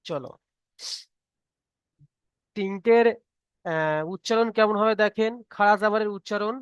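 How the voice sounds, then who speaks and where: Patient high-voiced male tutor. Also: a little slow, a bit bright, clear, resonant tone, no room sound, highs cut off. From Bengal. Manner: patient, repeats each point and checks understanding. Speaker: Quran reading teacher. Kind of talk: online tutoring class.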